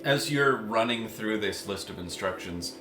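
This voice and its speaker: A man running a tabletop game as game master, calmly narrating scenes. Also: fairly low pitch, unhurried. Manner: calm, descriptive narration. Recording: roomy sound with music behind.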